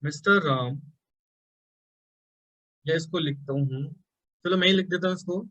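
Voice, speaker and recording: Indian male tutor, high voice, dull lo-fi class recording, pushes students to answer. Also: measured pace, fairly bright tone, no echo. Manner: mixes Hindi and English, coaxing students to answer, calls them beta. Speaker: teacher. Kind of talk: online class lecture. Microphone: live class recording. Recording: dull lo-fi sound.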